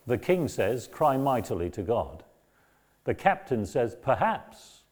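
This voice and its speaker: A man giving a lecture on a Bible book, reading passages aloud and explaining them in a measured way. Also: mid-range voice, big pitch swings, darkish tone. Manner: measured, explanatory, raises voice when quoting. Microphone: battery-powered mic.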